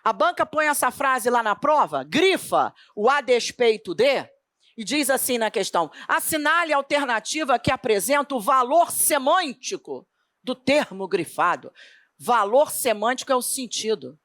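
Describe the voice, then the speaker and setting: A middle-aged woman with a Brazilian accent teaching a Portuguese grammar lesson for an exam, emphatic and lively, asking questions and then answering them herself. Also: on the high side, moderate pace, dry recording. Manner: animated, emphatic, asks and answers her own questions.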